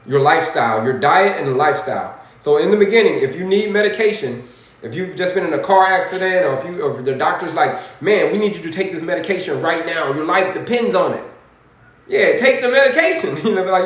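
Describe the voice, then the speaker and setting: A high-pitched man in his forties, an energetic health coach, hosts a livestream, preaching animatedly and repetitively to viewers while reading their chat comments. The room he's in is very echoey.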